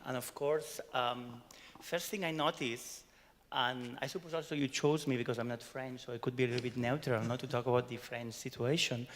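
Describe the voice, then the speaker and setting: A man from Barcelona with a Catalan-accented Spanish accent, giving a chatty conference talk and tagging his sentences with "no?". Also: medium pitch. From Barcelona, Spain. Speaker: conference speaker. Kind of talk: conference talk summarizing a workshop. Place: conference hall. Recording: long hall reverb.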